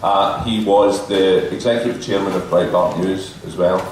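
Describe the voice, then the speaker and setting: A man's voice: low voice, moderate pace. A man talking informally as a panelist at a live show, explaining things with casual swearing. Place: live stage in a club venue. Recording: very echoey venue, distant mic, faint noise.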